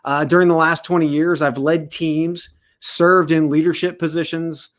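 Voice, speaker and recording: An American man hosts an online panel casually and jokingly, his voice a little higher than most men's. He talks loosely and energetically at normal speed with a level tone, often sounding like he's grinning.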